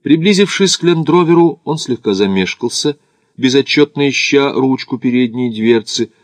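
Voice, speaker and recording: A man narrating an audiobook in a measured literary reading. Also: mid-range voice, animated, no echo.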